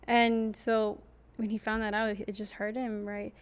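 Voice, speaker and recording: A young woman hosting a podcast in casual chat, telling a story in a lively way and acting out quoted lines. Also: medium pitch, a little slow, smooth.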